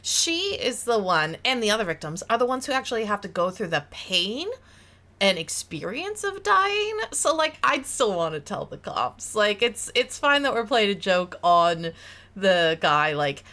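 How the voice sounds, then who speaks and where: A woman's voice: medium pitch, normal speed. A woman streamer giving gushing, laugh-filled reaction commentary. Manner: animated, gushing, laughs often.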